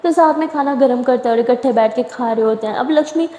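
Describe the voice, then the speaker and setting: A woman narrating a story in a lively, conversational way. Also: high-pitched, fast. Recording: echoey room with long reverb.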